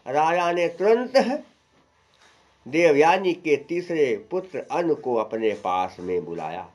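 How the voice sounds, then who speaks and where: A man's voice: fairly high pitch, big pitch swings, a little mellow. A man telling a devotional folk story and breaking into song. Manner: slow, singing in a lilting folk style. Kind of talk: devotional story recital with singing.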